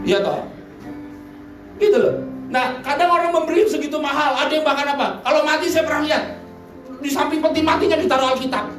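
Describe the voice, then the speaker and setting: A male pastor preaching a sermon, telling stories, mimicking voices and dropping blunt slang asides. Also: very high-pitched. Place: church service in a hotel hall. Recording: echoey hall, mic distant, music faint.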